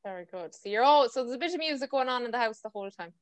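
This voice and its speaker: A woman's voice: a little high, animated, rapid-fire, smooth. A woman with a west of Ireland, County Mayo accent, hosting a casual, chatty podcast interview over a video call. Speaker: podcast host.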